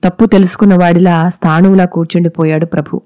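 A woman narrating a scripted story in a steady, measured way. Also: fairly low pitch, no echo.

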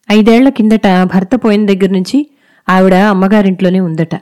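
A woman reading a short story aloud in a steady, measured way. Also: medium pitch. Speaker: narrator. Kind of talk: scripted story narration.

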